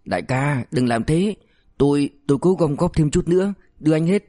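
A man's voice: a little high, normal speed, darkish tone, dry recording, studio quality, close to an everyday voice. A man voicing a frightened male drug dealer who pleads and stammers for mercy. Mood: groveling. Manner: whiny, begging, stammering.

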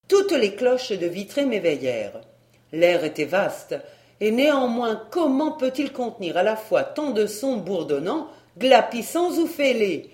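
An audiobook narrator giving a measured, expressive first-person literary reading. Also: mid-range voice, roomy sound.

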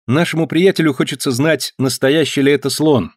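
A man's voice: a little high, fairly even intonation, brisk, no echo, clean studio sound, voice pushed up, close to an everyday voice. A man reading aloud, voicing a cheerful, good-humoured young circus performer.

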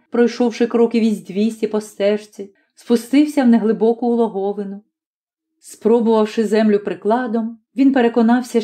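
A woman reading a classic novella aloud in measured, clear audiobook narration. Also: mid-range voice, dark tone. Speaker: audiobook reader.

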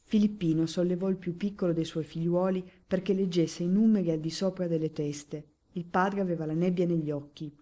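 A woman narrating a classic novel for an audiobook, reading in a measured, expressive way. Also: lowish voice.

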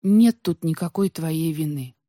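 Emotional storybook archivist woman, read by a woman narrator, mellow dark tone, dry close sound. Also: deep voice, a little slow, dry recording. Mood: sorrowful.

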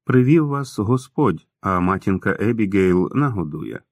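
A man's voice: fairly low pitch, expressive, a little slow, no echo, clean studio sound. Man voicing a frail 108-year-old pious woman. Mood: welcoming. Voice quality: hoarse soft whisper.

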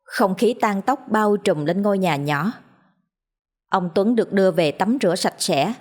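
A woman storyteller reading a ghost story in a steady, measured way. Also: medium pitch.

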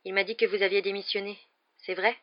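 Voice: mid-range voice, level tone, fast, voice pushed up, natural voice. A reader voicing an earnest teenage boy wizard student who talks in an urgent, pleading way. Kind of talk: audiobook character voice. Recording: slightly dull lo-fi recording.

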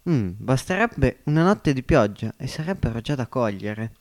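A man voicing an excitable, scheming poor laborer in an amateur audiobook reading. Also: mid-range voice, normal speed. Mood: eager. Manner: eager, blustering, conspiratorial.

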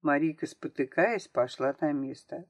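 A woman reading a children's novel aloud as an audiobook narrator, with expressive, varied intonation. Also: low-pitched, moderate pace.

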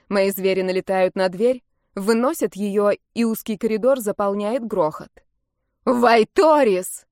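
A woman's voice: mid-range voice, darkish tone, dry recording, clean studio sound. A woman narrating a first-person fantasy audiobook in an intimate, emotional manner.

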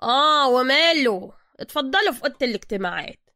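A woman voicing a loud, hot-tempered male master mechanic who shouts and boasts in Egyptian Arabic. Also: high voice, animated, fast talker, dry recording, studio quality, pitched above the performer's own voice. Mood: bossy.

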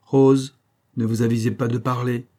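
A man putting on a stern, sharp-tongued mother. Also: mid-range voice, little pitch movement, normal speed, pitched above the performer's own voice, lightly acted. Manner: dry, scolding, lecturing.

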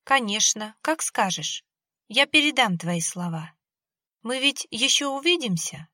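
A woman voicing a little girl who talks softly and haltingly as if in a dream. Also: a little high, animated, dry recording, clean studio sound, voice pushed up, exaggerated voice. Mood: dreamy, faint.

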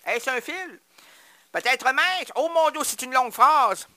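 A male radio host improvises a playful comic monologue, punning and rambling as he addresses imagined listeners. His voice is bright and forceful, dry and close in the studio. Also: extremely high pitch, lively intonation, measured pace, no echo.

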